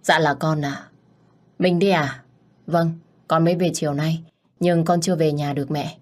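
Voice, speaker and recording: A woman voicing a tender, playful young husband, speaking softly and affectionately. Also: sits low, fairly even intonation, normal speed, lightly acted. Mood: reassuring.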